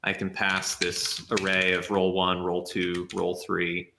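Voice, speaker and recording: A man who is a software developer answering questions in a live session, thinking aloud and explaining things step by step. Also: low-pitched, monotone, slow, vocal fry, roomy sound, background noise. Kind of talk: live Q&A with screen demo.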